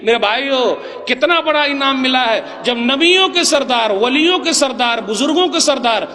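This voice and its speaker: Impassioned male preacher, high lively voice. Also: long reverb tail. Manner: impassioned, questions the audience, swings loud and soft. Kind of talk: Urdu sermon to a live congregation.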